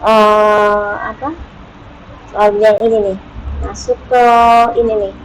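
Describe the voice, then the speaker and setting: A woman teaching an online Bible study in a casual, unhurried way, pausing often with hesitations and acting out prayers with lively emphasis. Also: mid-range voice, slight background noise, low-quality recording.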